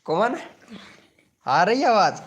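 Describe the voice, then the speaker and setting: A man's voice: high-pitched, very animated, slow pace, a bit bright, highs cut off, slight background noise. A young man hosting a casual live stream, joking and teasing viewers by name.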